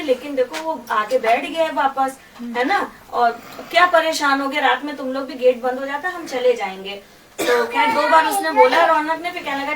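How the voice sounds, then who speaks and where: A middle-aged woman giving a testimony to a congregation, telling a story and quoting what others said. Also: sits high. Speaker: church member giving testimony. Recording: echoey room from far off, noisy.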